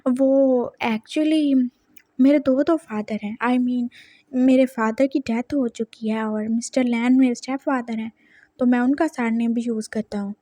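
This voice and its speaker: Woman doing a nervous young man, hesitant, apologetic, high mellow voice, storybook telling. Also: fairly even intonation, a little slow, dry recording, close to an everyday voice. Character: nervous polite young man at a job interview.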